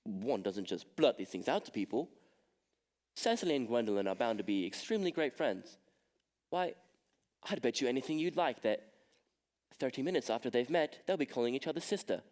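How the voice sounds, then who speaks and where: A young man plays a proper gentleman who is tired of everything, in a school stage comedy. His delivery stays dry and weary. His pitch swings widely from line to line. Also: animated, brisk, close to an everyday voice. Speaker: stage actor in a school play.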